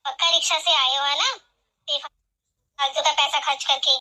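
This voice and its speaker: Woman playing a bossy mother-in-law, sharp and taunting, high piercing voice, cartoon drama. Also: steady tone, moderate pace, poor audio. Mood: scolding. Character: bossy, scolding middle-aged mother-in-law. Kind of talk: animated family drama voice acting.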